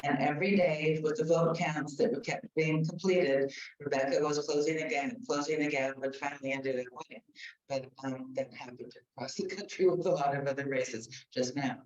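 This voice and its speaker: A woman's voice: deep voice, fairly even intonation, normal speed, darkish tone. A woman giving chatty, informative remarks at a community group meeting, with frequent fillers. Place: meeting room. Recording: roomy, distant, dull room mic.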